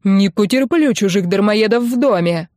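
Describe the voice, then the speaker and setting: A woman voicing a hot-tempered middle-aged father who bellows and splutters in a hoarse voice, as an audiobook character. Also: mid-range voice, lively intonation, a little slow, darkish tone, no room sound, studio quality, natural voice. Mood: enraged.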